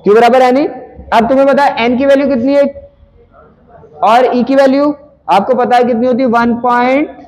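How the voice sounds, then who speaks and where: A man's voice: very high-pitched, a little mellow, low-quality recording. A male physics teacher working through a numerical problem in a conversational way, asking students questions and answering them himself.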